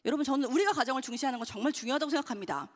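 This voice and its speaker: Fast-talking woman speaker in a hall. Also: high voice. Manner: earnest, addresses the audience directly. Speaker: author and speaker. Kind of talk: storytelling talk to an audience. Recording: hall with long reverb.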